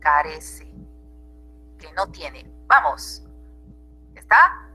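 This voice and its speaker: A woman's voice: deep voice, sing-song, extremely slow, sharp tone, breathy edge, faint music behind, rough recording. A woman teacher with a Peruvian Spanish accent, giving an online grammar class and checking in with her students often.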